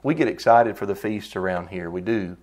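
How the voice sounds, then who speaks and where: A man preaching a sermon in an emphatic style, his voice jumping up in pitch and loudness to stress points. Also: moderate pace.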